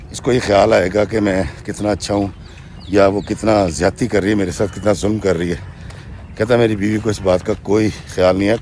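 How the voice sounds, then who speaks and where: A man, host and storyteller, retelling a listener's story in a lively way, dropping his voice low and then raising it. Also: slight background noise. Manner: lively retelling, swings between quiet and raised voice.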